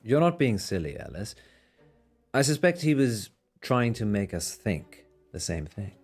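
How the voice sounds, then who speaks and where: A man playing a suave, mock-priestly late-night radio host in a game, theatrical and measured. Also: fairly low pitch, big pitch swings, darkish tone. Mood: dry, calm.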